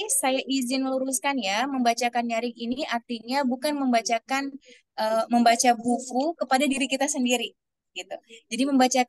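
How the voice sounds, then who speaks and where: A woman's voice: fairly high pitch, no echo. A woman speaker answering questions in an online webinar, chatty and explanatory, with many fillers and restarts.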